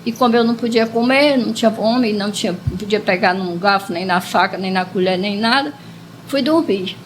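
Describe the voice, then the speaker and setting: A woman's voice: mid-range voice, brisk, slight background noise, rough recording. A Brazilian woman who is a parishioner, telling her personal healing testimony with earnest, repetitive storytelling, her emotion at times breaking through. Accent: Brazilian Portuguese.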